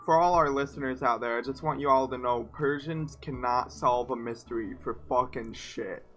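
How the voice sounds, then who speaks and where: A young man co-hosts a comedy podcast, cracking crude jokes and laughing often in casual comedic chat while faint music plays behind him. His voice is mid-range and a bit bright, at a moderate pace.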